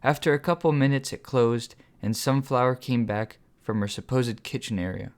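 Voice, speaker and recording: Guy narrating his own audiobook, mid-pitched voice, calm steady reading. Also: moderate pace. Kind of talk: first-person audiobook narration.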